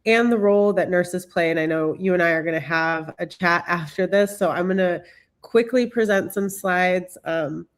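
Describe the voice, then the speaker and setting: A woman's voice: fairly low pitch, normal speed. A woman who is a bit sick and congested, giving a presentation as a guest expert, with many fillers and restarts. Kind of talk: presentation talk.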